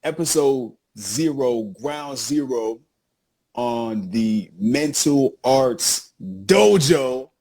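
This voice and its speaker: A man co-hosting a casual podcast, animated and hyping up his guest while repeating phrases. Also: mid-range voice, very slow. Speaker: co-host introducing the show.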